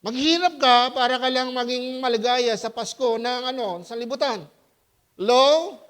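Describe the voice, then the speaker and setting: A man's voice: normal speed, clean tone. A man preaching a sermon as pastor in a loose, conversational way, often asking the congregation questions and laughing as he tells stories. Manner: lively, with high-pitched voiced quotes and laughter.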